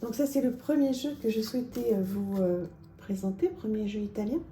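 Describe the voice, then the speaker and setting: A woman presenting oracle card decks in a casual, chatty vlog, with lots of small pauses and fillers. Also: medium pitch, lively intonation, dark tone, roomy sound, slight background noise. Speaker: tarot and oracle card reviewer.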